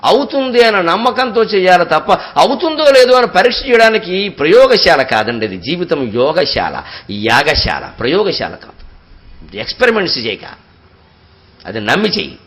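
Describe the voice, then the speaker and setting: Fields: Sex: man. Role: spiritual discourse speaker. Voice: bright, high-pitched. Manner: expressive storytelling, slow drawn-out verse recitation. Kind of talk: devotional discourse with chanted verses.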